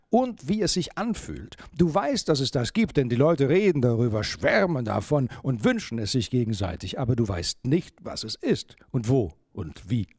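A man voicing a gentle, polite snow owl. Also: medium pitch, breathy edge, no echo, clean studio sound, heavily acted. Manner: soft-spoken, polite, coaxing. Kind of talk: storybook reading.

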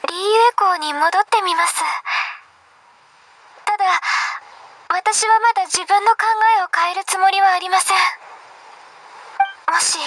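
A very high, gentle voice of a young immortal maiden in an anime game. She speaks politely and with earnest, measured care. Faint ambient noise sits behind her. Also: rough recording. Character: gentle, earnest young female half-immortal adept in training.

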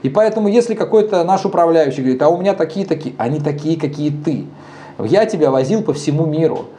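A man's voice: fairly high pitch, quick pace. A man in his thirties, a bar co-founder, talking frankly and animatedly as an interview guest in a dim bar. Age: 30s. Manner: animated, gesturing, frank and blunt. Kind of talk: casual interview talk.

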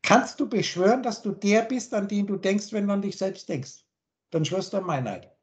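A man's voice: high voice, moderate pace. A man, a spiritual teacher, giving a long philosophical monologue on a video call, insistent and full of rhetorical questions. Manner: insistent, repeats points and asks rhetorical questions.

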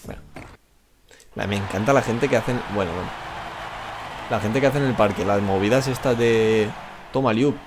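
A man's voice: lowish voice, moderate pace, pauses often, background noise. A man with a Spanish accent chatting live while playing a game, rambling, joking at himself and swearing freely. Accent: Spain Spanish. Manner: rambling, self-mocking, swears a lot. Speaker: gamer streaming live. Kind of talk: live gameplay commentary.

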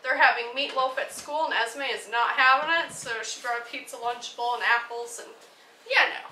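Her tone is sharp and her voice somewhat high as this mom in her thirties, at a moderate pace, explains her grocery items in a casual home vlog, laughing frequently. Recorded in the dining room from a camera across the table, the audio is distant, roomy, and noisy.

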